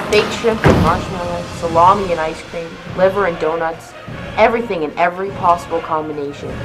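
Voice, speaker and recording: A woman narrating a myth in a measured, vivid storytelling voice for a school play. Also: lowish voice, low-quality recording.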